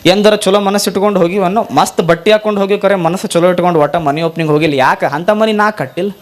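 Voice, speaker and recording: A man's voice: high voice, fast talker. A man, a monk, preaching a sermon with a North Karnataka accent, telling stories with acted dialogue and chanting verses. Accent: North Karnataka Kannada.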